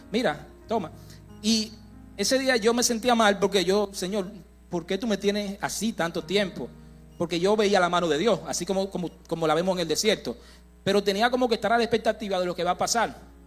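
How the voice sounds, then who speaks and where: A man's voice: sits high, quick pace, soft background music. A young man preaching a sermon, telling a personal testimony in a conversational way, with frequent restarts and direct asides to the congregation. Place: church sanctuary.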